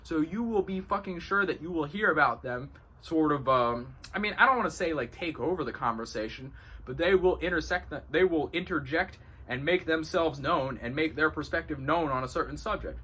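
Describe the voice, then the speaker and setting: A man talks unscripted to camera from a room in his home, explaining astrology in a loose, slangy ramble. His voice sits somewhat high and comes across bright and pushing. He peppers the talk with filler and casual profanity. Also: fairly quick, slightly rough. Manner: rambling, slangy and profane, full of "you know". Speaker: astrology video host.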